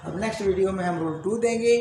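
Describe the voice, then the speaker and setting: A woman with a warm, medium-pitched voice speaks quickly in a classroom-style English grammar lesson, drilling pronunciation through repeated quiz questions to her students. The room is very echoey with faint background noise.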